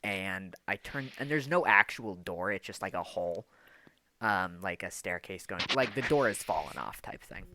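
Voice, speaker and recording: A man with a low, bright, forceful voice co-hosting a casual chat podcast. He tells stories in a loose, rambling way, packed with fillers and the odd swear word. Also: expressive, normal speed. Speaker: podcast co-host.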